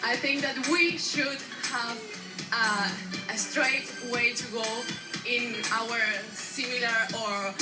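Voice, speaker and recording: A woman's voice: fairly high pitch, slow. A young woman from Venezuela, a native Spanish speaker, giving a groping pageant answer in broken sentences. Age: young adult. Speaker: pageant contestant. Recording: echoey, loud music behind.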